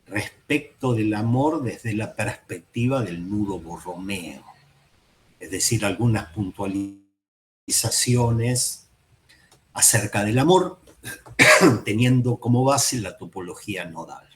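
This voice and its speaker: Slow, measured man lecturing. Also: expressive. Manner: slow, measured, repeats phrases, checks in with "¿mm?" and "¿sí?"; varies loudness and pitch for emphasis. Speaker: seminar teacher. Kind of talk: lecture on psychoanalysis.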